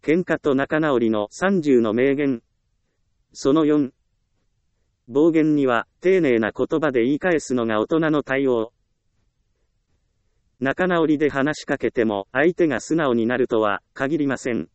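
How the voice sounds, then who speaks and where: A man giving calm, scripted self-help narration in a steady, gentle and reassuring way. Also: mid-range voice, a little slow, pauses often, clear, resonant tone, no room sound, highs cut off.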